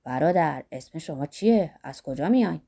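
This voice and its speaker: Woman doing a deep gruff old workman in an audiobook, loud and blunt, mellow tone. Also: lively intonation, full character voice. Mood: hearty. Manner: lusty, blunt, philosophizing. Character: earthy boisterous older Greek workman, man.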